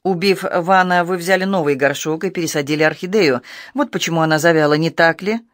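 A man playing a shrewd male magistrate who questions in a cool, measured way. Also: on the high side, fairly bright tone, dry recording, clean studio sound, close to an everyday voice. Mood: probing. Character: shrewd male magistrate, calm, cold and probing.

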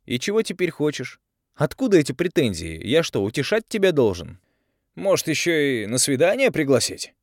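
A man's voice: mid-range voice, very animated, brisk, vocal fry, no room sound, studio quality. A man reading an audiobook and voicing a sullen young man who answers curtly and sarcastically. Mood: cold. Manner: curt, sarcastic, through teeth.

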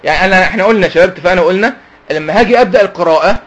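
Egyptian male teacher of a youth Quran class, quick-fire, raised pitch, asks and answers his own questions. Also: muffled recording. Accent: Egyptian Arabic. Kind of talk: religious lesson to youth.

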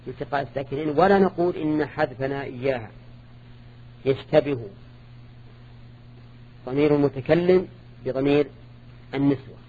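A man's voice: on the high side, darkish tone, slightly rough. A man teaching a grammar lesson, explaining step by step and asking his students short questions. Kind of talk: classroom lesson. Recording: dull lo-fi recording with faint hum.

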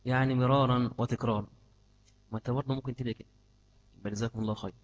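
A man with an Egyptian accent gives a religious study lesson at a rapid clip. His voice is husky. He repeats key terms and keeps asking his listeners questions. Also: mid-range voice, steady tone, highs cut off. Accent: Egyptian Arabic. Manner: repeats key words, asks the class questions. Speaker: religious teacher.

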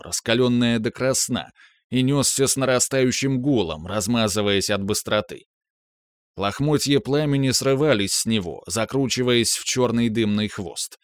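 A man reading a novel aloud in the first person, with steady, measured storytelling. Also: medium pitch, dry recording, clean studio sound. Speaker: audiobook narrator. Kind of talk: first-person audiobook narration.

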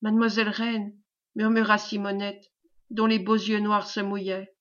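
A woman's voice: mid-range voice, flat delivery, normal speed, a bit bright. Woman reading a classic novel aloud. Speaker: audiobook reader. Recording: dull lo-fi recording.

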